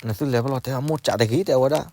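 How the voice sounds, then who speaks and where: A man telling a folk story in an unhurried, conversational way. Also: medium pitch, darkish tone.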